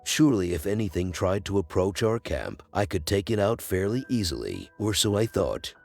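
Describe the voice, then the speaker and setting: A man narrating a first-person horror story in scripted narration, with a measured storytelling delivery. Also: sits low, sing-song, creaky, a little mellow. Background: faint music.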